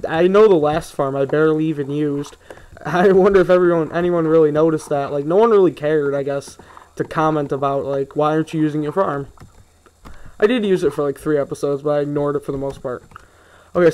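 A young man with a slightly high voice talks through his gameplay in a loose, rambling way. He wanders off topic and grumbles about small annoyances as he builds. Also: darkish tone. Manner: rambling, easily sidetracked, grumbling asides. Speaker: gaming video host. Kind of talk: casual let's play commentary.

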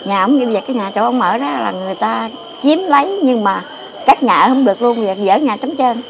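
A woman's voice: fairly high pitch, fast, creaky, lo-fi sound. An older woman tells local stories in a rambling, emphatic way, repeating her phrases. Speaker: interviewee telling local lore. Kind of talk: casual storytelling. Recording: noisy outdoor ambience with passing vehicles.

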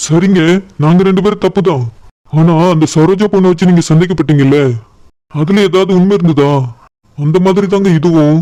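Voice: medium pitch, fairly even intonation, fairly quick, warm tone, natural voice. A voice actor playing a young married husband in a cartoon, reasoning and pleading with a suspicious wife, with a little sarcasm. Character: patient married young husband defending himself. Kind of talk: cartoon voice acting.

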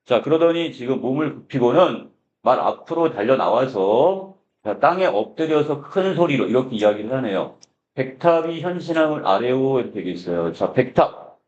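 A man's voice: medium pitch, lively intonation, moderate pace, hardly any pauses, darkish tone. A man teaching a literature class, explaining a classic prose text line by line and starting most phrases with a filler "so". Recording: dull lo-fi lecture recording.

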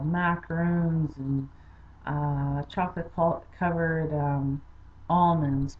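A woman's voice: low-pitched, muffled recording, slight background noise. A woman from Saskatchewan chatting casually to her channel as a vlogger, upbeat and rambling with fillers. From Saskatchewan, Canada. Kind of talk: casual chat to camera.

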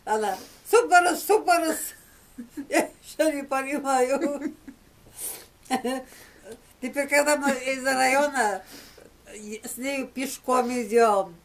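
A woman's voice: high voice, slow pace, pauses often, far from the mic. A woman in her seventies casually telling an anecdote, recorded by a camera in a small room at home. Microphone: camera a short distance away.

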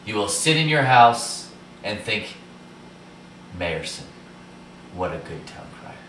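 A man's voice: lowish voice, sing-song, takes it slowly. A young man playing a self-important small-town candidate giving an earnest, pompous mock campaign address, recorded in a small office. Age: young adult. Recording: roomy, distant camera mic, faint noise.

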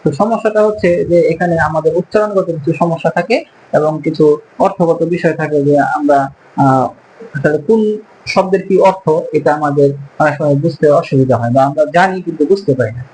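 Male teacher, high voice, drawn-out syllables for drills, faint hiss on the track. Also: a little mellow, low-quality recording. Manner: slow, careful, drawn-out syllables when modelling sounds. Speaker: Arabic teacher. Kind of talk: pronunciation lesson.

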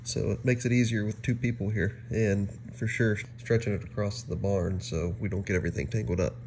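Low-voiced man explaining in voice-over. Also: steady tone, fairly quick, a little mellow, a little hiss or hum. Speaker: DIY builder explaining the job.

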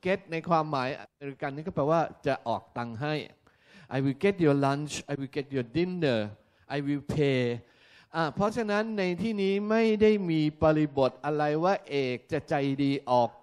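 Male teacher, classroom lesson, fairly high voice, crisp, checks in with students. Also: expressive. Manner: explains slowly, often checks that students keep up. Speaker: English teacher.

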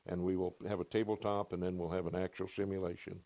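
This is an older man with a low, mellow voice that barely moves in pitch, talking fast with no echo. He's a ham radio operator interviewee on TV news, giving matter-of-fact technical replies into a handheld mic, in his home radio room and then a parked truck.

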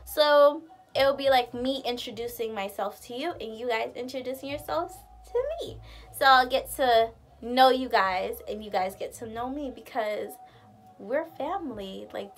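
Chatting to camera in her curtained room at home, a vlogger in her late teens or around twenty speaks in a high-pitched voice at a measured pace. She's Guyanese and American, partly raised in Maryland, and her talk is casual and expressive.

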